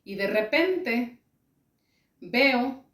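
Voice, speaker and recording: Slow, high-voiced woman recounting a vision. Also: lively intonation, fairly bright tone, echoey room. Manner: slow, repetitive, pausing phrase by phrase.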